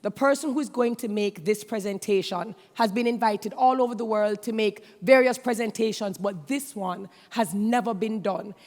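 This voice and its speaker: A woman's voice: medium pitch, normal speed, hardly any pauses. Woman hosting a conference on stage. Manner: announcing, builds to an excited intro. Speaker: conference host. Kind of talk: stage introduction. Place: conference stage in a large hall. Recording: long hall reverb.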